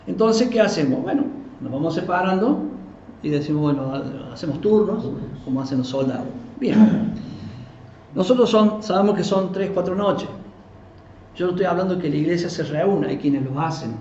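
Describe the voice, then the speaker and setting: A man who is a pastor, giving a live Bible teaching in a conversational, animated way and acting out quoted voices. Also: high voice, moderate pace. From Argentina. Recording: roomy, dull live recording with faint noise.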